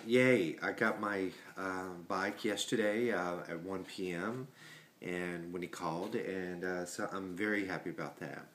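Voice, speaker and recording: A man's voice: fairly low pitch, a bit bright. A man, chatting casually to a webcam in his living room, rambling with many fillers and restarts. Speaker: vlogger. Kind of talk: casual chat. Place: home living room, indoors. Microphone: webcam at desk.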